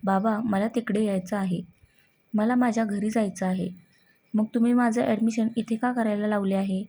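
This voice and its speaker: A woman's voice: mid-range voice, fairly even intonation, normal speed, dark tone, close to an everyday voice. A woman voicing a stubborn young woman who argues with her father in an audio story. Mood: irritated. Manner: irritated, pleading.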